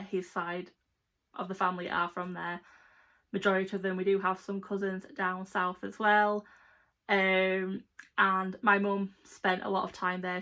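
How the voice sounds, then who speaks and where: A young adult Englishwoman with a medium-pitched, sharp-toned voice chats casually to camera as a book vlogger. She speaks informally to her viewers and rambles a little.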